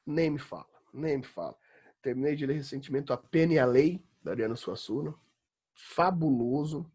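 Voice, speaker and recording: Here a Brazilian law school philosophy professor, a São Paulo native with a Paulista accent, lectures online from home during quarantine. His mid-range voice is expressive and dark, slightly rough, at a moderate pace; he's chatty and emphatic, drops frequent "né?"s, and at times turns to exasperated rants.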